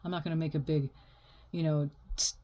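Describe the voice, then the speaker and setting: A woman's voice: deep voice, fairly even intonation, a little fast, dull audio. A woman giving an unscripted oracle card reading like a fortune teller, talking in a reassuring, spiritual way.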